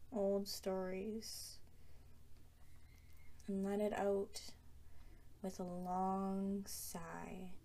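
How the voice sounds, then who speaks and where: A woman leads a guided meditation, speaking very slowly and softly. Her voice is warm and mellow, and she leaves long, calm pauses between phrases. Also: medium pitch. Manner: slow, soft and soothing, with long pauses.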